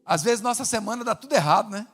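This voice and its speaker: Male pastor, lively preaching delivery, high voice, big reverberant hall. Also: fast. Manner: animated preaching with acted quotes, rising and dropping to a hush. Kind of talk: sermon. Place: large church hall. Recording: long hall reverb with faint music.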